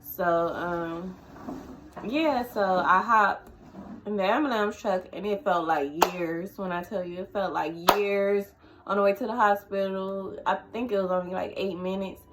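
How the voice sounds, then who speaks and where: Shaken woman telling her story haltingly. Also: mid-range voice, noisy background. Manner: halting and emotional, many fillers and restarts. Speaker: vlogger. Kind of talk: personal storytelling to camera.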